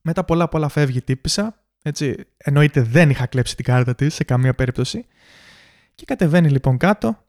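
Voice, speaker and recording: A young man hosts a casual monologue about his work, talking in an animated way. He acts out the customers in his stories, and his voice sits a little high for a man. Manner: animated, mimics customers in quotes. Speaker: podcast host.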